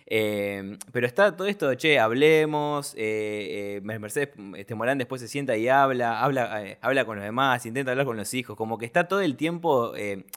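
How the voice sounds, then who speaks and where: A man's voice: fairly low pitch, fairly bright tone. A man with an Argentine accent chatting casually about a film, hesitant and colloquial, with many fillers. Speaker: podcast film critic.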